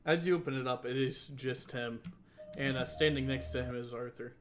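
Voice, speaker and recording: A man's voice: mid-range voice, moderate pace, slight background noise. Man narrating as game master. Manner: relaxed narration with fillers, occasionally loud bursts.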